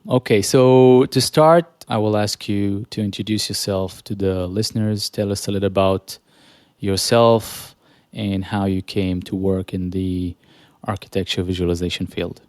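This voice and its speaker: A man hosting a podcast interview, asking measured follow-up questions with small restarts. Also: lowish voice, fairly even intonation, darkish tone, dry recording, clean studio sound. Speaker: podcast host.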